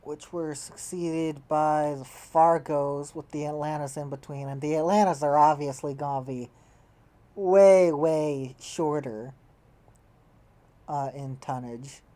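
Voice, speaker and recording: A woman's voice: low-pitched, steady tone, slow, warm tone. A woman playing a strategy game, thinking aloud and musing to herself, often trailing off mid-thought as she tallies numbers. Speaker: game player. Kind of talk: casual gameplay commentary, thinking aloud.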